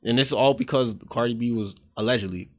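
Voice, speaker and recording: A man's voice: medium pitch, quick pace. A man in his twenties co-hosting a podcast, telling stories in a loose, rambling way and swearing casually. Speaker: podcast co-host.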